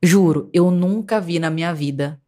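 A woman's voice: lowish voice, normal speed. A young woman from Brazil, a podcast guest, telling a story casually and acting out the voices of the people in it. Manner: animated, acts out quoted voices.

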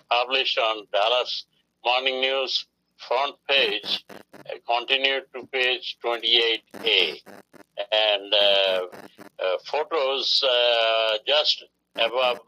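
A man speaks slowly and haltingly, filling his pauses with many ums and uhs. His voice is very bright and sharp. He sounds like a guest in a casual interview. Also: mid-range voice, low-quality recording.

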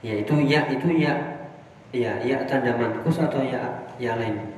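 A man's voice: mid-range voice, a little slow, slight background noise. A man teaching Arabic grammar from a classical text, putting questions to his students and answering them himself. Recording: echoey hall from far off.

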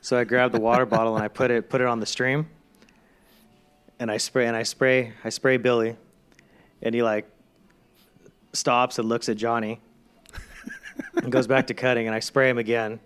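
Smooth-voiced barber man, laid-back. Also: medium pitch, little pitch movement, normal speed, pauses often, a bit bright. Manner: laid-back, swears casually, laughs at his own stories. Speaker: podcast guest, barber. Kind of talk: casual chat.

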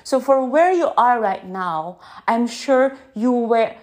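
A woman with a Filipino accent hosting an unscripted podcast into her phone, gently guiding breathing and then talking in a halting way with many restarts. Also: a little high, animated. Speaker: podcast host.

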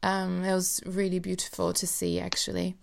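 A woman's voice: lowish voice, completely flat delivery, moderate pace, gravelly, slight background noise. A woman hosting a casual interview, speaking in an effusive, gushing manner. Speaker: podcast host.

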